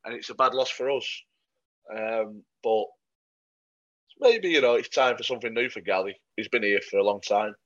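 Bloke on a football pod, lowish voice, dry matter-of-fact takes, dull lo-fi sound. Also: male voice, normal speed, a bit bright. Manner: dry, matter-of-fact opinions with frequent ums. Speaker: podcast co-host. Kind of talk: casual football podcast chat. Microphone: podcast microphone. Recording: muffled lo-fi sound.

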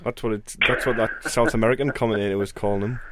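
A man's voice: on the low side, steady tone, fast talker, background noise. A man talking casually about football as a podcast panellist.

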